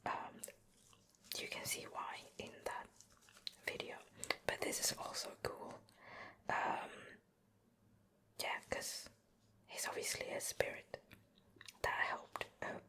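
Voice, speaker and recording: On a close ear-to-ear stereo microphone, an ASMR video creator leisurely chats through a show and tell. She keeps to a gentle, breathy whisper the whole way.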